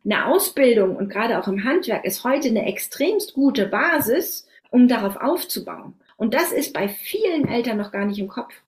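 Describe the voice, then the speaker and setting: A woman's voice: fairly high pitch, expressive, moderate pace, few pauses. A woman in her forties, an author on skilled trades, answering interview questions in an emphatic, persuasive way. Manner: emphatic, persuasive, stresses points with "doch" and "so".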